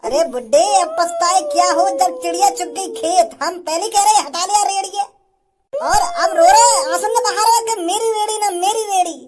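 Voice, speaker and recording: A woman's voice: extremely high pitch, normal speed, very noisy. A woman voicing a cocky, menacing male hired thug in a cartoon who boasts and threatens. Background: music.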